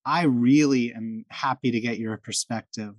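A man hosts a podcast in a relaxed, chatty way, warm and eager, with plenty of fillers and frequent restarts. He speaks at a moderate pace in a mid-range voice, recorded with no echo.

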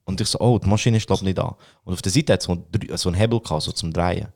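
A man's voice: low voice, racing, darkish tone. A young man with a Swiss German accent, a podcast co-host who tells casual stories, acts out quotes and laughs often. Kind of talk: casual storytelling chat.

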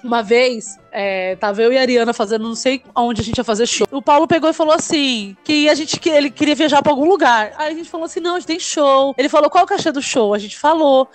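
A Brazilian woman in her thirties, a comedian chatting casually and telling stories in an animated way, swearing freely. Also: high voice, fast, hardly any pauses, faint music behind. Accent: Brazilian Portuguese. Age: 30s. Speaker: comedian, podcast guest. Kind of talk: casual chat.

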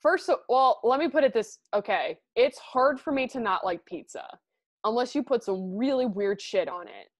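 A woman's voice: a little high, normal speed, no echo. A woman co-hosting a podcast in casual, informal banter, swearing freely. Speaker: podcast co-host.

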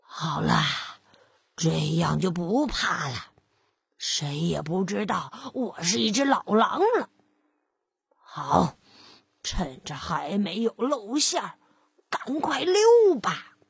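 A woman's voice: on the low side, big pitch swings, slow pace, creaky, pauses often, breathy edge, dry recording, clean studio sound, pitched below the performer's own voice, exaggerated voice. A woman voicing a timid, hungry old male wolf who stammers and mumbles in fear, in a storybook reading. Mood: worried.

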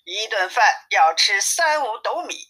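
A woman's voice: medium pitch, big pitch swings, a little slow, pushed and bright, exaggerated voice, low-quality recording. A woman doing a fretful old father. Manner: anxious, complaining. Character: worried old male landlord, fretful father.

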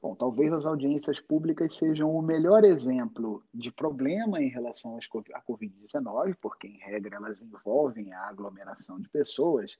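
A Brazilian man giving measured, formal, wordy expert explanations as an interview guest. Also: medium pitch, dark tone, husky, muffled recording. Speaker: podcast guest, environmental lawyer.

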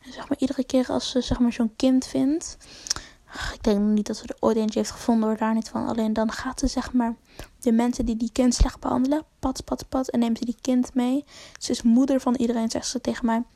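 Young woman, casual slangy storyteller; warm, somewhat high voice, dry close sound. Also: little pitch movement, brisk, no echo. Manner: rambling, slangy, swears, many fillers. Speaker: vlogger.

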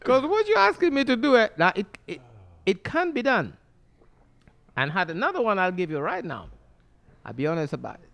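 A man's voice: sits high, brisk, vocal fry, pauses often. A man with a Caribbean accent, a barber telling funny stories in casual chat at a barbershop, laughing often. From Saint Lucia. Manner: animated, laughing storyteller. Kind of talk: casual storytelling.

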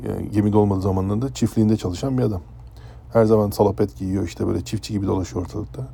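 A man from Turkey tells a personal story in a relaxed, conversational way, lifting his voice when the tale turns dramatic. His voice is deep, very dark and mellow, with a husky grain. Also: quick pace. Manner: conversational, animated when telling dramatic parts. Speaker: former ship's chef.

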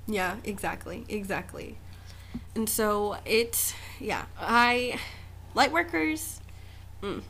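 A young woman co-hosting a podcast, chatting casually, animated and laughing often. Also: medium pitch, slow pace, vocal fry, slight background noise. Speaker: podcast co-host.

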